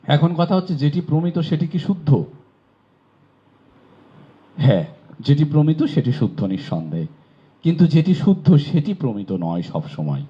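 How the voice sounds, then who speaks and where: A man's voice: a little high, big pitch swings, moderate pace, long pauses. Man from bangladesh giving a pronunciation lesson, voice rises and falls a lot, muffled recording. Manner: explains patiently, repeats and asks rhetorical questions. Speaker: Bengali pronunciation teacher. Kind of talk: classroom lecture. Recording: dull lo-fi recording.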